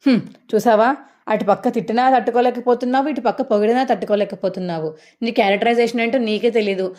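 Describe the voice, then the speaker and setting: A woman's voice: fairly high pitch, steady tone, quick pace, darkish tone, lightly acted. A woman reading a sarcastic stern older husband. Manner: sarcastic lecturing.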